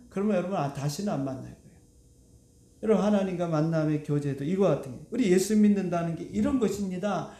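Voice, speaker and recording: A man's voice: high voice, dark tone, echoey room. A male pastor preaching a sermon to his congregation, asking it rhetorical questions. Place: church sanctuary.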